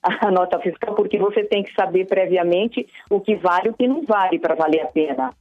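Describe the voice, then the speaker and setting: A woman's voice: medium pitch, fairly quick, no echo. A woman on a call-in line, her voice thin and tinny through the phone. She talks in a chatty way and restarts her words as she goes. The line sounds close and dry, with no room around her. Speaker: caller. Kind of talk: live call-in chat.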